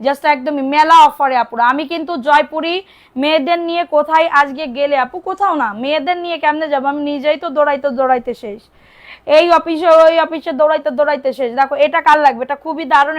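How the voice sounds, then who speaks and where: A woman's voice: high-pitched, fairly bright tone. A young woman from Bangladesh selling clothes on a live stream, chatting with commenters and repeating prices and calls to order. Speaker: online clothing seller. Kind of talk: live-stream sales pitch.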